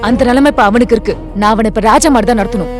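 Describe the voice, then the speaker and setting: A woman's voice: fairly high pitch, very fast, over music, close to an everyday voice. An actress playing a young wife who argues and pleads with her husband, her voice tense with emotion. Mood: angry. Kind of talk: short film acting.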